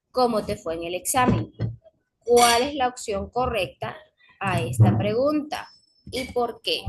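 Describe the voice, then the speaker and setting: A woman's voice: a little high, slight background noise, low-quality recording. Woman teacher explaining test answers. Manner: explains step by step with frequent fillers and self-corrections. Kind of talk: recorded class explanation.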